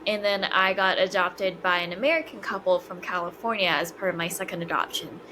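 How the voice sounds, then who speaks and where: A woman's voice: lowish voice, brisk, pushed and bright, poor audio. Hesitant young woman, faint background hum. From China. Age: 20s. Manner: hesitant, many fillers and restarts. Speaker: podcast guest. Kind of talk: casual interview conversation.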